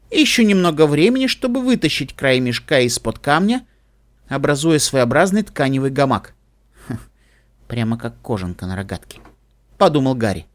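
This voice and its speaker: A man reading an audiobook aloud in an expressive storytelling manner. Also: on the high side. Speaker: audiobook reader. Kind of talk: audiobook narration.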